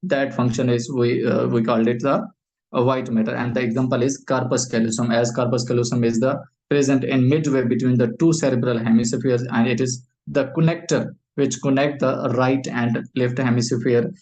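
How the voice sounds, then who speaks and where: A Pakistani man, a native Urdu speaker, giving a medical lecture in English, pausing often on fillers, repeating phrases and posing questions he then answers. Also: mid-range voice, flat delivery, darkish tone, poor audio.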